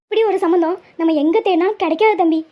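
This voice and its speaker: A woman doing a high, fast, tearful cartoon mother. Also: fairly even intonation. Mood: pleading. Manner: pleading, melodramatic, guilt-tripping. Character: middle-aged Tamil mother, emotional, stubborn, tearful. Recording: muffled lo-fi audio.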